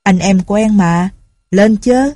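A woman's voice: mid-range voice, takes it slowly, mellow, no room sound, clean studio sound. A woman reading a story aloud, voicing a boastful, menacing old male bandit chief. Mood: mocking.

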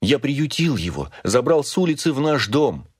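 A man's voice: fairly low pitch, animated, moderate pace, no room sound, studio quality. A man voicing a grief-stricken middle-aged father who pleads with his son, emotional and rising to anguished cries, read as an audiobook character.

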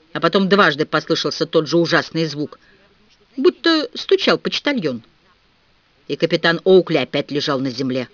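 A man reading a story aloud as an audiobook narrator, expressive and animated. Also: on the high side, no room sound. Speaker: audiobook reader. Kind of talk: scripted narration. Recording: dull dry audiobook recording.

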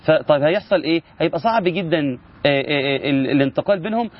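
A man's voice: a little high, animated, rapid-fire, highs cut off. A man with an Egyptian accent, teaching Quran recitation rules in a casual spoken lesson and asking his listeners rhetorical questions. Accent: Egyptian Arabic.

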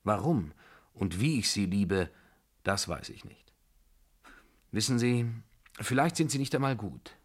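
A man's voice: lowish voice, big pitch swings, unhurried, long pauses, heavily acted. A man reading a feverish lovesick young tutor. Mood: pleading. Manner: agitated, pleading, confessional. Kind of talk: audiobook dialogue.

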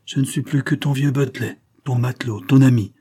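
A man's voice: medium pitch, steady tone, fairly quick, mellow, husky, no echo, clean studio sound, pitched above the performer's own voice, lightly acted. A man voicing an older ship captain, impassioned and grieving, speaking with raised emphasis.

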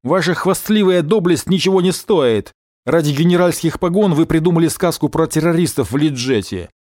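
Man playing an angry pilot yelling accusations, loud and lively, dry sound. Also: a little high, normal speed, dry recording, voice pushed up, close to an everyday voice. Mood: defiant. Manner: accusing, shouting. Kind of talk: audiobook character voice.

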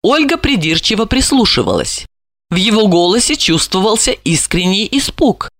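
A woman narrating an audiobook in an expressive storytelling manner. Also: medium pitch, moderate pace, no room sound, studio quality. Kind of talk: scripted narration.

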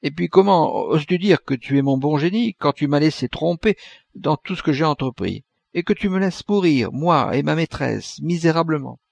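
A man's voice: fairly high pitch, lively intonation, normal speed, vocal fry, darkish tone, no room sound, pitched above the performer's own voice. A man reading an audiobook, voicing a young dying man who asks pleading, indignant questions. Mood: anguished.

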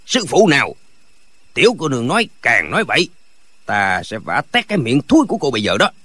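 A man voicing a blustering, gruff notorious bandit in a martial-arts audiobook. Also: medium pitch, sing-song, a little fast, bright, forceful tone, full character voice.

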